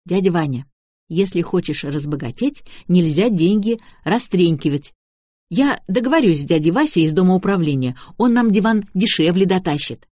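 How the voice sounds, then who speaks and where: Chirpy slangy young woman, read by a man, audiobook, high and animated, dry close sound. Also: normal speed, no room sound. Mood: excited. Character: excitable chirpy young woman, thrifty and impulsive. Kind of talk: audiobook reading.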